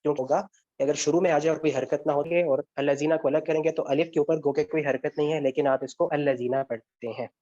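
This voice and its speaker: This is an online Arabic grammar lecture with student questions, captured in dull lo-fi sound. The male teacher's voice is mellow and steady in tone, on the high side, as he explains step by step and answers questions he raises himself.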